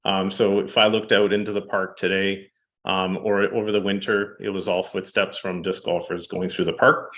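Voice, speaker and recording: A man presenting statistics to a city council, steady and fact-heavy, with frequent ums. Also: low-pitched, moderate pace, muffled recording. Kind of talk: public presentation. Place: council chamber.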